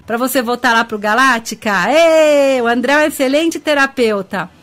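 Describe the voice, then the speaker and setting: Chatty high-voiced Brazilian woman radio host. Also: a bit bright. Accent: Brazilian Portuguese. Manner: chatty and affectionate, greets listeners by name; laughs often, talks quickly in bursts. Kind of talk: web radio talk show on ufology and spirituality. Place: radio studio.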